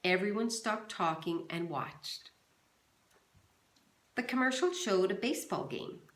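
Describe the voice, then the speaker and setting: A female teacher reads a novel aloud to her class in a calm, steady storytelling style. Her mid-range voice moves a little slowly, and the roomy space gives the recording a noticeable echo.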